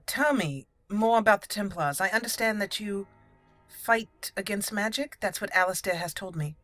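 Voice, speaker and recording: A woman hosts a roleplaying let's play on her gaming channel, speaking in character and commenting as she plays, with game music behind her. Her voice is medium-pitched and fairly bright, at a moderate pace, with no room sound.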